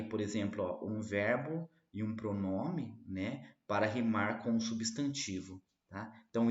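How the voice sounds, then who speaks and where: A man's voice: medium pitch, roomy sound, dull audio. A Brazilian man teaching literature in a casual classroom style, reading verses aloud and explaining them with frequent "né" and "tá". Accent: Brazilian Portuguese. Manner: chatty, full of "né" and "tá", reads verse aloud slowly.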